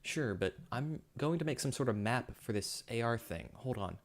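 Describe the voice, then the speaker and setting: A man's voice: medium pitch, lively intonation, normal speed. A man voicing Phil, a curious boy explorer who treats the adventure like a game, read in a plain, matter-of-fact way.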